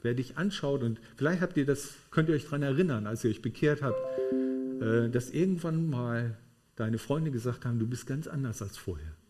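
A man's voice: medium pitch, lively intonation, moderate pace, a little mellow, soft background music. A man preaching a sermon to a congregation in a room, emphatic and checking in with tag questions.

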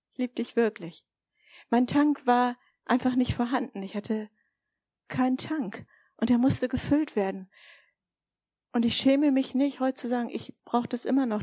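A woman's voice: a little high, dark tone, dry recording. Woman, sermon, storytelling, direct questions to listeners, close dry sound. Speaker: preacher.

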